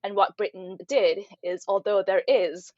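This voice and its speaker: A woman born in Nigeria speaks as a podcast guest, laying out her points in an earnest, measured way. Her voice comes through muffled and a little lo-fi. The room sounds dry and close. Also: medium pitch, darkish tone, dry recording. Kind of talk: conversational podcast interview.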